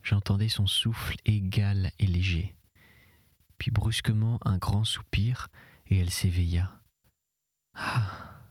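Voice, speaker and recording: A man narrating a literary novel in the first person in an audiobook, in measured, often hushed and breathy tones. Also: fairly low pitch, steady tone, no echo. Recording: dry close recording.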